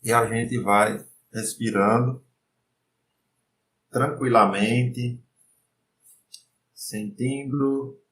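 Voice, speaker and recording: Brazilian man, guided meditation, very slow calm soothing delivery, long pauses, roomy echo. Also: mid-range voice, recorded from a distance. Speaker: meditation instructor. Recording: roomy echo, faint background noise.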